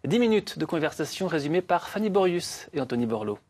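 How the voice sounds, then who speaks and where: A man's voice: on the high side, big pitch swings, a little fast. A man presenting regional television news from a script.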